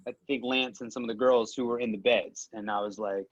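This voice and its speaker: A man's voice: mid-range voice, steady tone, brisk, muffled recording. A young man in casual chat with an old friend, rambling and poking fun at himself as he tells stories. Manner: self-deprecating, rambling storyteller.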